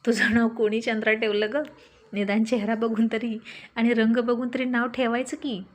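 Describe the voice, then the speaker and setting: A chatty, teasing young village woman with a fairly high voice, as a woman storyteller puts her on. She talks quickly and freely in a homely way. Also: little pitch movement, natural voice.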